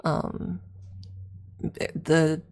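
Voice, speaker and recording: A woman with a deep, darkish voice speaks very slowly, with little pitch movement, as she responds to viewer chat on her ASMR stream. Her casual rambling turns into gushing, exaggerated fan talk.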